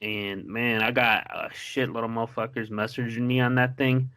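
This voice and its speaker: A man's voice: medium pitch, level tone, normal speed, pushed and bright. A married man co-hosting a podcast, telling a story in loose, profane casual chat with lots of fillers and restarts. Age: adult, married. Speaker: podcast co-host.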